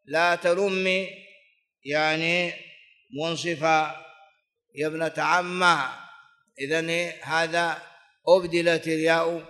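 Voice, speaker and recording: A man's voice: a little high, fairly even intonation, slow pace, long pauses, pushed and bright. A man teaching classical Arabic grammar, repeating example forms many times and chanting lines of verse. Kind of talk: classical grammar lesson, explaining and reciting verse. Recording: long reverb of a large hall.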